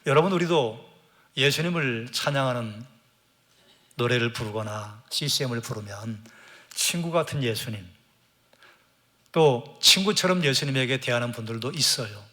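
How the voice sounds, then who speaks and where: A man's voice: medium pitch, animated, normal speed, pauses often, pushed and bright. A male pastor from South Korea preaching a Sunday sermon. He has the congregation repeat phrases after him, asks rhetorical questions and answers them himself, and briefly acts out quoted lines.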